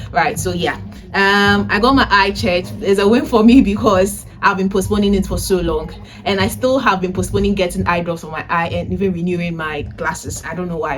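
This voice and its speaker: A woman in her twenties with a fairly low voice vlogs casually to camera from a room in a family house, recapping personal updates. She's a vlogger who also teaches data analytics, and she chats directly with viewers, often tacking "right?" onto her phrases.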